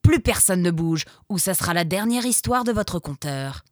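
A woman's voice: on the low side, animated, moderate pace, darkish tone, no echo, clean studio sound, natural voice. A woman voicing a wary, tough male fox scout who knows the forest well. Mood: threatening. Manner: uneasy, then coldly threatening.

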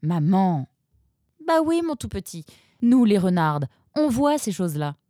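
A woman's voice: mid-range voice, sing-song, measured pace, mellow, dry recording, clean studio sound, voice pushed up. A woman voicing a knowing, teasing mother vixen in a storybook reading. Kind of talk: storybook narration.

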